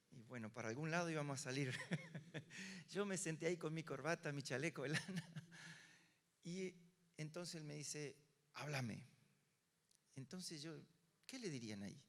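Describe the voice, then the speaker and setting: Animated older pastor in a reverberant hall. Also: male voice, a little high. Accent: Rioplatense Spanish. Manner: animated storyteller acting out dialogue. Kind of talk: sermon storytelling.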